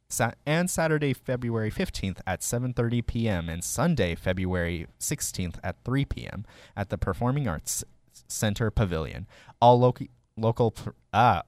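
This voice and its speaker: A young man hosting a college radio show, upbeat and quick to laugh, sometimes stumbling over his words. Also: medium pitch, no echo. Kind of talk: casual radio chat and announcements.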